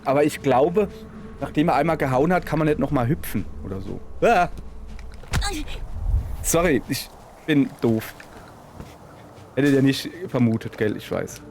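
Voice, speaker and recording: Over game music, a man with a Palatinate German accent gives chatty let's play commentary, addressing both his viewers and the game and poking fun at himself. His medium-pitched voice is gravelly and darkish, with lively intonation, an unhurried pace, long pauses and slight background noise.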